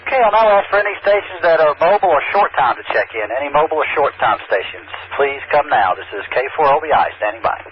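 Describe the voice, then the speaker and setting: A man calls a ham radio net as its control operator, his fairly high voice coming through a radio transmission. The audio is muffled, with a faint hiss of static behind it. He reads call signs back in a steady, procedural way. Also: fast, few pauses.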